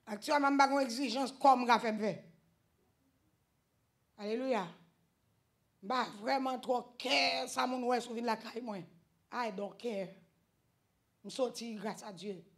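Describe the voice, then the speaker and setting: A woman with a Haitian accent preaching a fervent sermon at a church service, swinging between loud outbursts and quiet stretches, with repeated exclamations of praise. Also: a little high, steady tone, slow, long pauses.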